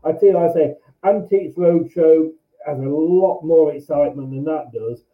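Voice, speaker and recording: A man's voice: fairly high pitch, normal speed. A man hosting a football fan live stream in a chatty, rambling way, his voice muffled as if heard through a wall. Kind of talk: casual live chat. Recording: muffled, echoey, phone-like sound.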